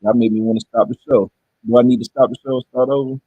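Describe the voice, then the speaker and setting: With a mid-range, warm and slightly rough voice, this man hosts a casual livestream fast and with fairly even intonation, rambling in a relaxed way straight to his audience. There's no room sound, yet the audio is dull and muffled as if heard through a wall.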